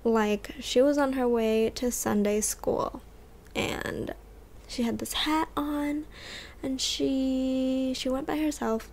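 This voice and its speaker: A young woman with a slight lisp chats casually in a reading vlog, recorded indoors in her bedroom on a close desktop or handheld condenser mic. Her voice is a little high and creaky with a darkish tone, and there's slight background noise.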